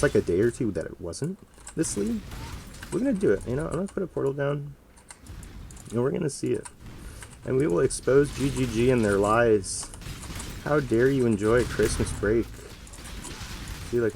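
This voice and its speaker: A low-voiced man with a gravelly, creaky edge talks through his gameplay in a loose, rambling way. He swears freely and leans on fillers. A faint hiss of noise sits behind him. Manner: rambling and profane, many fillers. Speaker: gaming video host. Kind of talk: casual gameplay commentary.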